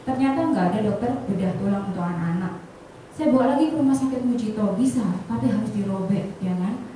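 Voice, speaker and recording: A woman, an insurance agent telling colleagues a personal story in an animated way, acting out the dialogue and often turning to the audience. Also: medium pitch, fast talker. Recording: echoey hall from far off, faint noise.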